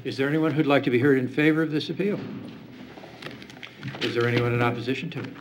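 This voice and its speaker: A man's voice: mid-range voice, steady tone, fast talker. A man chairing a public hearing, speaking in a rote, procedural official manner as he reads cases and puts formal questions. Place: indoor public hearing room. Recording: noisy meeting room recording.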